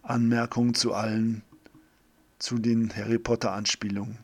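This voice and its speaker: A man's voice: medium pitch, flat delivery, moderate pace. A man reading a homemade story aloud in a plain way, with slips and restarts.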